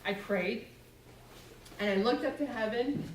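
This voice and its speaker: A woman's voice: a little high, measured pace, slight background noise. A woman in her sixties gives a humorous personal testimony to a church audience, acting out her own past words. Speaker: church speaker. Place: church sanctuary. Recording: echoey church hall from far off.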